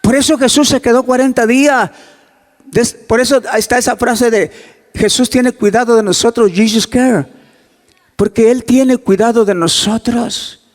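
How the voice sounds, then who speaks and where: A male pastor preaching a sermon, swinging from soft near-whispers to loud emphatic climbs and acting out dialogue in a hushed voice. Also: extremely high pitch, fairly even intonation, moderate pace, in a large hall. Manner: acts out quoted dialogue in a hushed voice.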